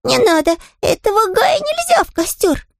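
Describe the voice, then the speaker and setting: A woman's voice: very high-pitched, very animated, moderate pace, vocal fry, no room sound, studio quality, pitched above the performer's own voice, full character voice. A woman voicing Paddington, a small polite young male bear who stammers and hesitates. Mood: flustered.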